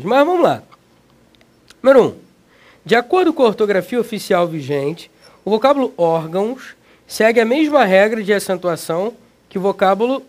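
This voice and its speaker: A man with a Brazilian Portuguese accent teaching an energetic exam-prep video lesson, slangy and emphatic, talking straight to the student. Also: sits high.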